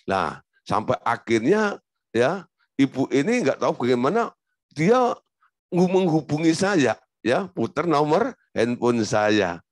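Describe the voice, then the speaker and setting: A man's voice: mid-range voice, sing-song, slow pace, no echo, studio quality. A male pastor preaching a sermon, telling a story, acting out quotes and asking the congregation rhetorical questions.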